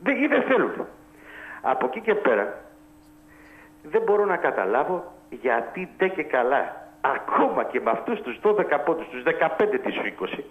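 A man's voice: a little high, very animated. Heated man on a tinny phone line. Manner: heated, emphatic, blunt. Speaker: radio caller. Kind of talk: heated call-in football talk.

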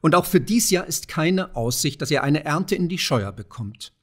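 A man voicing a poor, frail old widow who speaks softly and mildly. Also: fairly high pitch, lively intonation, normal speed. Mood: gentle. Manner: soft, mild, secretive.

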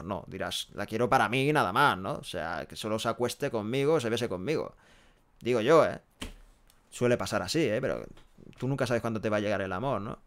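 A young man from Barcelona chats casually into a headset microphone in a small room, reading viewers' messages aloud and answering them bluntly. His voice is smooth and resonant at a middle pitch, and he keeps adding quick tag questions as he talks. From Barcelona, Spain. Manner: chatty, frank, tags sentences with "¿eh?" and "¿no?". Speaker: live streamer reading chat. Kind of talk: casual live-stream chat. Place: small room with a pale green wall, indoors.

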